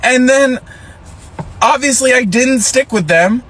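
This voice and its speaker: A man's voice: extremely high pitch, takes it slowly, a bit bright, a little hiss or hum. A man ranting casually, incredulous and swearing as he tells his story. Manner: incredulous, profane. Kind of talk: casual rant to camera.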